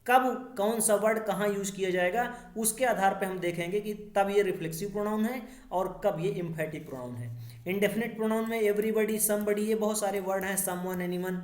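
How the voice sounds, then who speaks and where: A teacher explaining English grammar in Hindi, reading each English example slowly, then translating it and asking rhetorical questions. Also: mid-range voice, a little mellow. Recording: echoey room.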